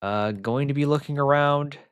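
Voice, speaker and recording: An excitable young man with a voice on the high side does live commentary on an online football game at a moderate pace, rambling and packing in filler words. The sound is smooth, echo-free, and studio quality.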